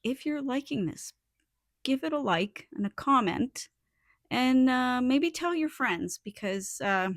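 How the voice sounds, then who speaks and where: A woman vlogger chatting casually to her viewers in an informal, halting way, thinking aloud as she goes. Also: sits high, expressive, no room sound, clean studio sound. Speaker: vlogger and small soap business owner. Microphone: small add-on phone microphone.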